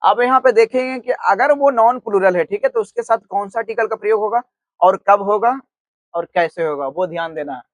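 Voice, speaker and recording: A man with a fairly high voice teaches an online grammar lesson, recorded dry and close. He asks a question, then answers it himself. He spells words out slowly as he writes them. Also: no room sound. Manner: repeats "theek hai" often, asks and answers his own questions; spells words out slowly while writing on the board.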